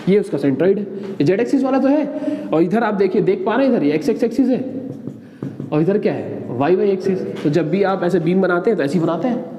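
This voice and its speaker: A man's voice: sits high, dark tone, lo-fi sound. A man teaching engineering in a classroom, asking students questions and answering them himself. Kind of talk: classroom lecture. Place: classroom with a board. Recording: echoey classroom with long reverb, faint noise.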